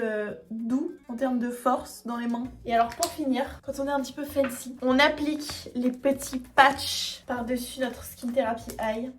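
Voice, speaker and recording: A young woman in her twenties talks through her evening skincare routine in a breezy, chatty way, dropping casual slang. Her voice sits a little high for a woman. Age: 20s. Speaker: beauty vlogger. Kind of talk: casual skincare vlog chat.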